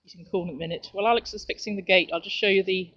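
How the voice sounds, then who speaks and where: A middle-aged woman giving a relaxed, cheerful walk-through tour of her back garden and chickens, filmed outdoors on a handheld camera. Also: medium pitch, racing. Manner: chatty, relaxed, cheerful narration while walking. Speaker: home video maker. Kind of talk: casual home video tour. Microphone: handheld camera mic. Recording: dull lo-fi camera audio with noise.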